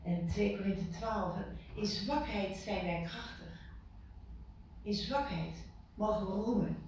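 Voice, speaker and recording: A woman giving an informal sermon to a small group, lively and full of questions to her listeners, repeating words for emphasis. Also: mid-range voice, takes it slowly. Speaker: preacher. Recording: echoey room from far off, faint noise.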